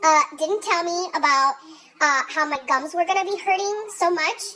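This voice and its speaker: A woman's voice: very high voice, normal speed, sharp tone, a little hiss or hum, low-quality recording. A young woman with a congested, blocked-nose sound, telling a story casually in exasperated, sweary, emphatic slang.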